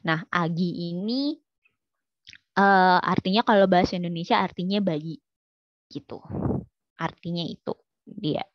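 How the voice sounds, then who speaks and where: A woman's voice: lowish voice, unhurried, long pauses, no room sound, dull audio. A woman teaching an online language lesson, quizzing her students in a chatty way with many fillers.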